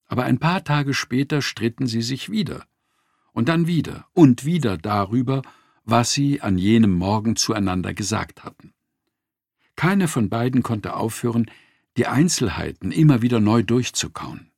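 A man narrating a nonfiction audiobook in a measured, expressive reading, close to the mic. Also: mid-range voice, gravelly, dry recording.

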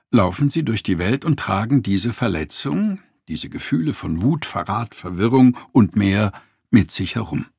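Male narrator, gravelly, husky, expressive audiobook reading. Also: fairly low pitch, no echo, studio quality.

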